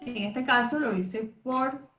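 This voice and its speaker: Woman teacher with a higher voice, explaining step by step to a class, in a roomy echo. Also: slow, a bit bright, faint music behind. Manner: explains step by step, leads group recitation. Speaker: Bible memorization teacher. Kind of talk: classroom lesson.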